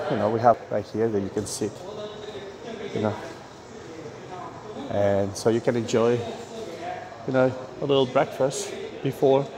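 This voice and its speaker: Here a Spanish man in middle age vlogs his way through an indoor cafeteria and dining hall, chatty and excited, with many fillers, in a mid-range voice. The phone is held at arm's length, and the recording is noisy.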